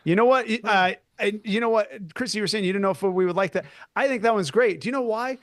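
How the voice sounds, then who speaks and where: A man co-hosting a casual comedy podcast, animated and talking in bursts that trip over themselves. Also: high voice, quick pace, no echo. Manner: animated, self-interrupting, talks in bursts. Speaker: podcast co-host.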